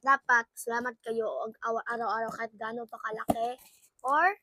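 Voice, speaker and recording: Unboxing on her vlog, a young woman exclaims frequently and switches between English and her own language in an excitable, casual way. She speaks at normal speed in a slightly high voice, with no echo.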